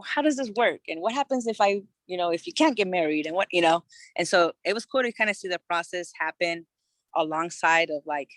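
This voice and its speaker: A low, slightly bright voice on a dry recording belongs to a woman in her thirties from California. Appearing as a podcast guest, she shares her personal story in a loose, honest style full of "you know" and everyday profanity.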